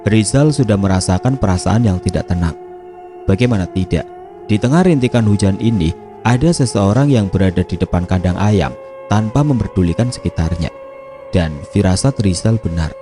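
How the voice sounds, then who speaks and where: A man narrating a scripted horror story in a steady, measured reading. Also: lowish voice, over music.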